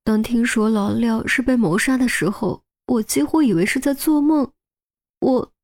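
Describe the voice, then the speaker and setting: A woman voicing a grieving, guarded widow in her thirties who speaks softly. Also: mid-range voice, normal speed, natural voice. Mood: sorrowful. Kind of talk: audiobook character voice.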